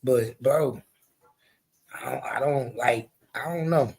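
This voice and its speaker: A man in his forties hosts a casual chat, telling stories in a blunt, animated way with lots of profanity. His mid-range voice is slow-paced and has a breathy edge.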